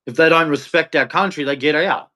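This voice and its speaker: On the high side, brisk, bright and forceful, the voice is that of an Australian man streaming live. He launches a blunt, confrontational rant at his chat and finishes with a preachy religious farewell.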